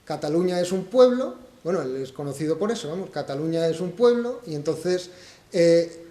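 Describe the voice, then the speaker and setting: A man's voice: a little high, expressive, moderate pace, dark tone, echoey room. A man from Spain presenting his book at a public talk, thinking aloud and posing rhetorical questions to the audience. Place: event hall.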